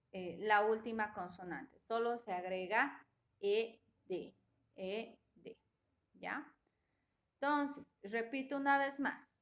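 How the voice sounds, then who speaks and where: Slow, deliberate woman teaching grammar. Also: on the high side, a bit bright. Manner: slow and deliberate, often checking with a questioning "¿ya?". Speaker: English teacher. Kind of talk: classroom grammar lesson.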